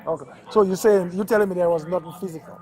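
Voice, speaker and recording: Male police officer on a body camera, clipped questions delivered at a quick clip. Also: high-pitched, fairly even intonation, darkish tone. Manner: brief, prompting questions with frequent okays. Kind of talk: questioning a witness.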